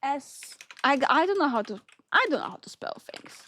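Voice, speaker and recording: A woman's voice: high voice, big pitch swings, normal speed, a bit bright. A young woman streaming a game, sleepy and yawning, chatting playfully with viewers and giggling often. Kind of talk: casual chat with stream viewers.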